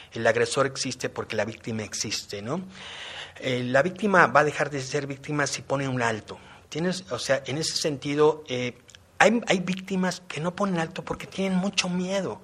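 A middle-aged man gives a personal testimony in a husky, slightly breathy voice. His pitch sits in an ordinary middle range. He talks in a reflective way and explains his ideas through everyday examples. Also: fairly bright tone. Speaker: participant in a men's non-violence program.

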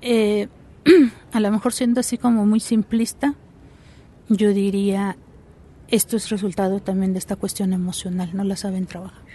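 A woman's voice: mid-range voice, steady tone, moderate pace, mellow, husky. A woman, a psychologist answering interview questions in a reflective, explanatory way, often checking in with short tag questions.

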